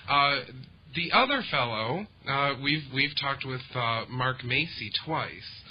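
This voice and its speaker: A man's voice: medium pitch, animated, takes it slowly, slightly rough. A man hosting a talk show, rambling with many restarts. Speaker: podcast host. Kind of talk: casual radio talk. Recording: dull lo-fi audio.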